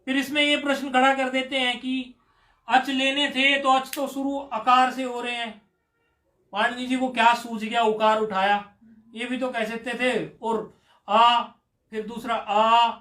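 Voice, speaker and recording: High-pitched male teacher lecturing, chants rules slowly, coaxes students; echoey classroom. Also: pushed and bright. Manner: drawn-out chanting of sutras, coaxing questions to students. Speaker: Sanskrit grammar teacher. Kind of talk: classroom lecture explaining a grammar rule. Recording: echoey room.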